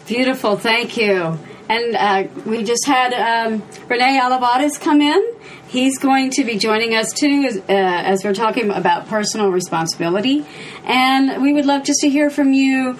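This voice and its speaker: A woman's voice: on the high side, moderate pace, slight background noise, poor audio. A woman hosting a panel discussion, asking questions in a friendly, hesitant way. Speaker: host.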